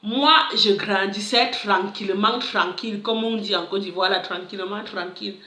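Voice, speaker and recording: A woman's voice: mid-range voice, normal speed, roomy sound. A woman, a life coach, telling a personal story in a casual vlog and acting out the dialogue. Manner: animated, acts out dialogue, many interjections.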